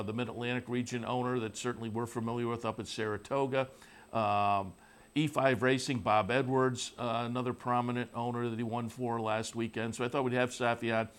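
A man hosting a horse racing show, interviewing a guest in a relaxed, conversational way with frequent fillers. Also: mid-range voice. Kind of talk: broadcast interview. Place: studio in the Saratoga area.

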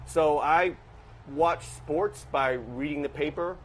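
The audio is poor, with a little hiss or hum, as a slow, fairly high-voiced man of fifty describes his background. A professor from Washington, D.C., he's a guest in a casual interview, reflective and analytical, with frequent restarts.

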